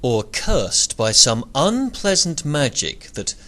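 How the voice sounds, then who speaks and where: A man narrating a rhyming storybook retelling in a measured, expressive way. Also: mid-range voice. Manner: measured, expressive verse reading.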